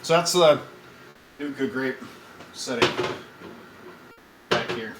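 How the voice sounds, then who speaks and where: A man streaming a casual taste test, chatting in a relaxed way and thinking aloud with frequent fillers. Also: mid-range voice, slow. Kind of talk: casual live-stream chat. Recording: roomy with faint background noise.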